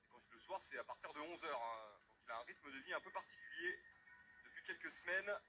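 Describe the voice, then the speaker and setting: A man's voice: fairly high pitch, expressive, fast talker, pushed and bright. A man giving sports broadcast commentary as lead commentator, presenting the fighters before a bout. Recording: music playing under the voice.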